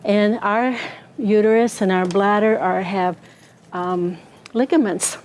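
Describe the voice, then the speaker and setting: Woman, health talk to an audience, conversational, mid pitch, faint background noise. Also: fairly even intonation, slow pace, darkish tone. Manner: conversational, asks the audience questions. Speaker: pelvic floor therapist. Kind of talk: health talk with anatomical model.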